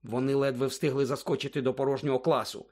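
A man reading an audiobook aloud in a lively, expressive narration. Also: mid-range voice, quick pace. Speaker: audiobook reader.

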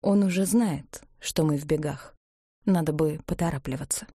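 A woman narrator voicing a calm, quietly self-assured woman on the run, in an audiobook. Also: normal speed, slightly rough, no echo, studio quality. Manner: calm, low-key. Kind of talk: audiobook character voice.

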